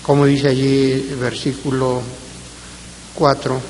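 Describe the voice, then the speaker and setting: A man preaching a Bible-study sermon, reading scripture aloud in a measured way and letting his phrase endings fall away softly. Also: medium pitch, completely flat delivery. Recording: long reverb with faint hiss.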